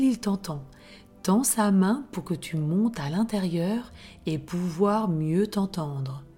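Slow, soft-voiced woman telling a bedtime story. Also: fairly low pitch, breathy edge. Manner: soft, hushed, often whispered. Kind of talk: scripted bedtime story narration.

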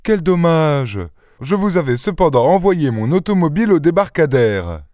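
A man voicing an excitable, effusive middle-aged château owner, his voice raised high. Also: moderate pace, no echo, studio quality, close to an everyday voice. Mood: exubérant. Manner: exuberant, effusive.

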